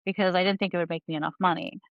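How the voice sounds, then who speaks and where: Her voice is fairly low and fairly even, and she talks rapid-fire; the audio has no room sound and lacks highs. She's a New Jersey comic book artist in her thirties, loosely recounting her life on a podcast with lots of fillers and laughter in a casual conversational interview.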